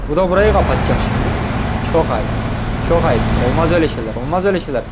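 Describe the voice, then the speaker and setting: Excitable man commenting on gameplay. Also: a little high, quick pace, heavy background noise. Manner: excitable, exclaiming and repeating words. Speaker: gaming streamer. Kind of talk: live game commentary.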